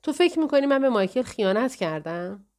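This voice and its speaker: A frail young woman with no memory, asking hesitant, pleading questions, as a woman narrator reads her lines. Her voice sits a little high, and she sounds unsure of everything around her in this audiobook scene. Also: big pitch swings, a little mellow.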